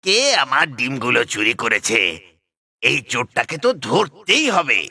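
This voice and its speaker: Cartoon mother crow, bright high squawk, fretful and swinging wide in pitch. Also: very animated, creaky, slightly rough, heavily acted. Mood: angry. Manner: fretful, quick to scold. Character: anxious mother crow, female, small, shrill.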